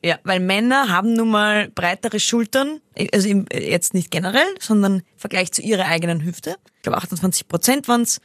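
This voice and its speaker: A woman's voice: a little fast, few pauses, dry recording, studio quality. A woman, co-hosting a podcast in casual, chatty talk. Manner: chatty, animated, breaks into shrill impressions. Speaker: podcast co-host. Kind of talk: casual chat.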